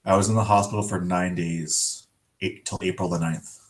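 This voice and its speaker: Interviewee: man, 30s, very low voice, careful delivery. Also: steady tone, moderate pace. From Canada. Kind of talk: recalling illness in an interview.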